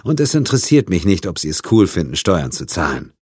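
A man's voice: low-pitched, big pitch swings, fairly quick, darkish tone, husky, dry recording, clean studio sound, heavily acted. A man voicing a composed female FBI agent who speaks in a level, matter-of-fact way, in an audiobook. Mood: calm. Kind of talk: audiobook character voice.

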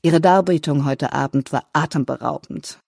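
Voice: medium pitch, moderate pace, vocal fry, a little mellow, breathy edge, no room sound, studio quality. A narrator voicing an elegant middle-aged man who directs an opera house and speaks formally and courteously.

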